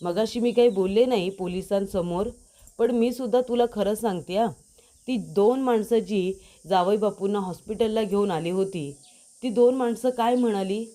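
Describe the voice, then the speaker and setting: A woman's voice: mid-range voice, moderate pace, mellow, close to an everyday voice. Woman voicing a sly scheming aunt. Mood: suspicious. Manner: suspicious, insinuating.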